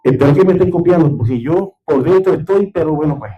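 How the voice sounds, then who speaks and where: A male pastor preaching a sermon in a high, warm, mellow voice. He tells stories from the pulpit and keeps asking the congregation if they are following. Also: expressive, fast, soft background music, rough recording. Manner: storytelling preacher who checks in with the congregation. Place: church service.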